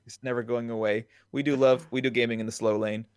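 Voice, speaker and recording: A man's voice: mid-range voice, flat delivery, fast talker, darkish tone, clean tone, dry recording, clean studio sound. A man co-hosting a casual gaming podcast, playful and jokey, with goofy asides. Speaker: podcast co-host.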